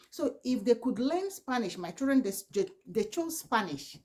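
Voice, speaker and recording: Speaking to camera with a darkish, mid-range voice, a mother of four in her forties offers earnest advice, pleading with repeated "please" and many restarts. She is a vlogger from southeastern Nigeria, with a Nigerian accent and Igbo as her first language.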